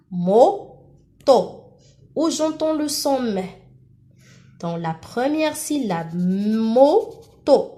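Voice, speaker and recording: A woman teacher, leading a slow phonics lesson for young children, repeating and stretching syllables. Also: a little high, dark tone.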